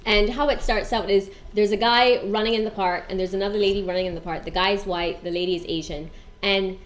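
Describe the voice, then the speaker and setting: A woman co-hosting a casual chat, retelling a video in an animated way. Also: mid-range voice, brisk. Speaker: podcast co-host.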